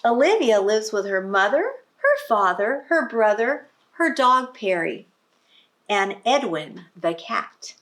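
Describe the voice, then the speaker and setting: Slow and sing-song, a woman with a fairly high, slightly bright voice reads a picture book to young children. Like a teacher, she offers explanations along the way and asks questions to prompt them.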